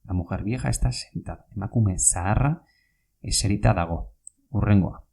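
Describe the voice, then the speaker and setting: A man teaching Basque vocabulary in a podcast lesson, speaking slowly and patiently and repeating each word. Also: fairly low pitch, creaky, dark tone.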